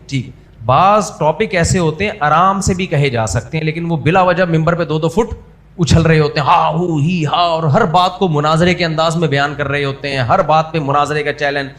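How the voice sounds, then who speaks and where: A man's voice: fairly high pitch, fairly bright tone. A man preaching in a conversational, humorous style, acting out scolding voices to make his points. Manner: humorous, mixes in everyday English words. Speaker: Islamic preacher. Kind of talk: conversational sermon.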